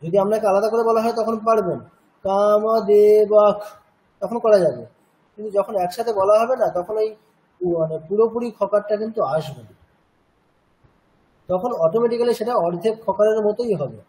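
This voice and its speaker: With a high-pitched, slightly mellow voice and poor audio, he runs a Sanskrit chanting lesson in a cultural centre classroom. He patiently explains the pronunciation rules, checks comprehension through repeated questions, and chants syllables slowly to show them.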